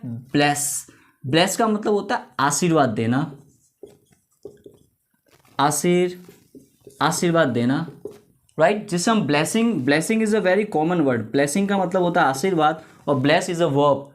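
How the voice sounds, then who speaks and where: Man teaching English vocabulary. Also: high voice. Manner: addresses viewers as "guys", repeats each word with its meaning and example sentences; mixes Hindi and English, often ends points with "right". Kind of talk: spoken English vocabulary lesson.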